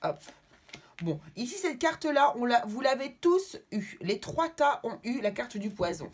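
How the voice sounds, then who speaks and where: A woman reads tarot cards for the people watching her channel. She speaks reassuringly and keeps checking that her listeners are following. Her voice is husky and slightly breathy. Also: a little high, big pitch swings, measured pace. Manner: affectionate sign-offs to viewers. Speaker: tarot card reader. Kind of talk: tarot reading addressed to viewers.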